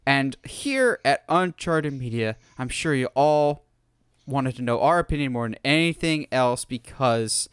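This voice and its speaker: A man's voice: mid-range voice, lively intonation, measured pace, a bit bright, smooth, no room sound, studio quality. A man hosting a podcast, talking in an enthusiastic, opinionated way in casual chat. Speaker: podcast host.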